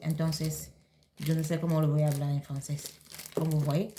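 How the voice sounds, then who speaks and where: A woman's voice: low voice, level tone, moderate pace, mellow, a little hiss or hum. A woman from Cameroon, talking casually in a vlog and answering viewer questions in a hesitant way, with many fillers and restarts. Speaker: vlogger.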